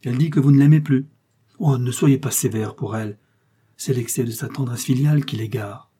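An earnest, devoted young woman speaks in humble, pleading tones in this storybook reading, as a man reads her lines. The voice is dark and husky. Her words come out emotional and sincere. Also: medium pitch, brisk, close to an everyday voice.

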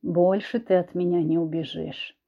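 Audiobook villain: controlling husband, voiced by a woman, low, slow, quietly menacing, in a dull lo-fi recording. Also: steady tone, gravelly. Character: menacing controlling husband, grown man, smug and cruel.

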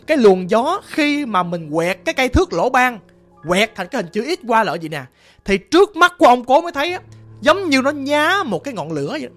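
A woman's voice: on the high side, fairly bright tone. A woman telling a ghost story in a chatty, vivid, conversational way, explaining things as she goes. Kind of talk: casual spoken storytelling.

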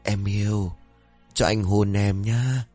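A man voicing a demon possessing a young man, with a slow, lecherous drawl. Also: on the low side, mellow, faint music behind. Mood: leering.

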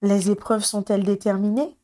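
A woman's voice: medium pitch, flat delivery, moderate pace, mellow, no room sound, studio quality, lightly acted. A woman reading the lines of a weary grown-up male wizard hero, terse and guarded, in a storybook.

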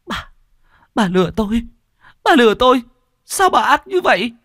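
A man's voice: very high-pitched, very animated, moderate pace, bright, forceful tone, no room sound, clean studio sound, heavily acted. A man voicing a distraught, remorseful middle-aged wife who pleads and stammers in an audio storybook. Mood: outraged, pleading.

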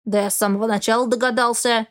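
A woman's voice: on the high side, fairly even intonation, fast, a bit bright, close to an everyday voice. A woman voicing a senile, grumpy old male raven in a storybook reading, indignant and scolding. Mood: grumbling.

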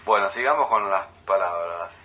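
A man with an Argentine accent co-hosting a casual radio chat, musing aloud with frequent pauses. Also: low voice, dull audio. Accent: Argentine Spanish. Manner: chatty, muses aloud with many pauses. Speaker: radio co-host. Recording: radio broadcast.

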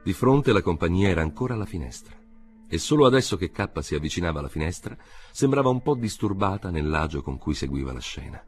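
Deep husky male audiobook narrator. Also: soft background music. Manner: measured, expressive reading. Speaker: audiobook reader.

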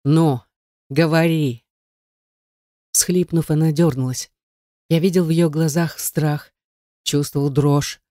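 A man's voice: on the high side, steady tone, a little slow, warm tone, dry recording, clean studio sound. A man reading a first-person novel aloud in an intense, dramatic way. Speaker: audiobook narrator.

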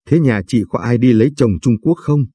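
A man's voice: mid-range voice, a little fast, mellow, slightly rough, dry recording, natural voice. A man voicing a gossipy middle-aged woman who picks oranges, in a storybook reading. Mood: chatty. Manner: gossipy, talkative.

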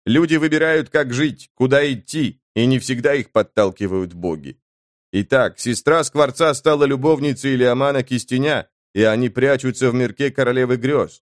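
A man voicing a stern male assassin who calms the others in a measured way in a fantasy audiobook. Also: mid-range voice, no room sound, studio quality, close to an everyday voice.

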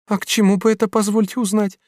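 A man voicing a devoted, proud and quick-tempered young woman servant in an audiobook, with emphatic, pleading exclamations. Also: high voice, level tone, darkish tone, no echo, clean studio sound, pitched above the performer's own voice, natural voice. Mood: curious. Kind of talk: audiobook character reading.

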